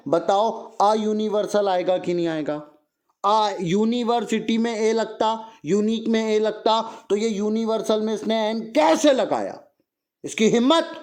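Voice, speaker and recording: Guy teacher going through a grammar paper, high voice, slow, keeps saying bolo bolo. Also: darkish tone. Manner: drills students with quick repeated prompts. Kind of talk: exam paper walkthrough lesson.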